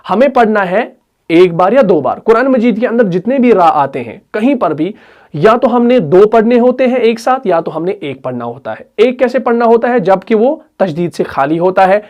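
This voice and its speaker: A man, teaching a recitation class, explaining slowly and asking and answering his own questions. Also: high voice, lively intonation, highs cut off. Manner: recites Quranic verses in drawn-out chant. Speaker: tajweed teacher. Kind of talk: online Quran recitation lesson.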